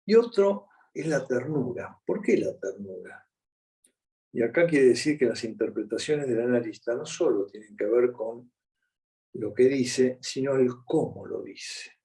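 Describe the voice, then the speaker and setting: A man's voice: mid-range voice, lively intonation, measured pace, mellow. A man with a Rioplatense Spanish accent giving a conversational conference lecture, often checking in with his audience. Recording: voice picked up from a distance.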